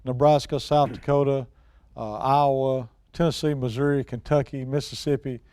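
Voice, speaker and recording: With a warm, clear, resonant mid-range voice, a middle-aged or older man speaks at normal speed in a steady tone, free of room sound. He's a guest expert and outdoors show personality, telling hunting stories and talking casually in a folksy, plain-spoken way.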